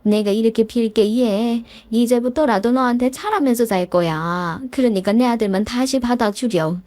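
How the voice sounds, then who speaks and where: A woman's voice: on the high side, warm tone, dry recording, natural voice. Woman doing a wailing old mother-in-law. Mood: pleading. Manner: drawn-out lamenting delivery. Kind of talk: dramatized story reading.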